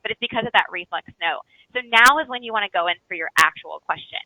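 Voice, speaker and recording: A woman's voice: medium pitch, fast talker, sharp tone, no room sound. A woman teaching real estate prospecting scripts in a chatty coaching manner, often checking in with "right?" and acting out what homeowners might say. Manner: acts out homeowner replies in livelier voice. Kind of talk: recorded training lesson. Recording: dry, phone-like narrow sound.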